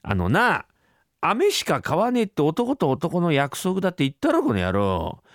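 Brief: a man doing a gruff, irritable dad, low grumbling, gravelly edge, dry sound. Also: huge pitch swings, normal speed, dry recording. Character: gruff, short-tempered father. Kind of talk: rakugo storytelling.

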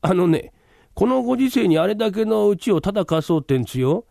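Male rakugo teller playing a courteous older landlord, unhurried and dramatic, dry close sound. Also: sits high, big pitch swings, gravelly, dark tone, dry recording, full character voice. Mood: polite. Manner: polite, unhurried, dramatic telling. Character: polite older landlord man, slow storyteller. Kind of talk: rakugo storytelling.

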